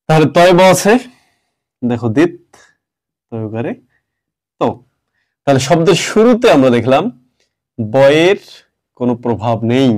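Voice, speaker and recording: A man's voice: medium pitch, mellow. A male teacher giving a step-by-step grammar lesson, stopping often to ask his class questions.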